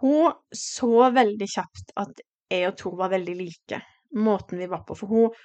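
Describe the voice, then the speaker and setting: A woman in her forties hosts a personal podcast, sharing a heartfelt, reflective monologue full of hesitant fillers and restarts. Her voice is mid-range with a darkish tone, recorded without echo.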